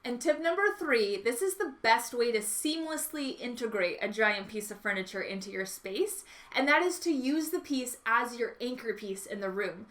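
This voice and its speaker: A woman's voice: on the high side, animated, moderate pace, few pauses, fairly bright tone. A woman hosting a home makeover vlog with upbeat, enthusiastic, gushing DIY narration.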